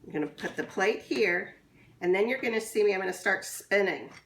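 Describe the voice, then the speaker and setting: A woman teacher giving a slow, patient cooking demonstration for young children in a kitchen. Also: mid-range voice, animated, roomy sound, slight background noise. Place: kitchen with running water.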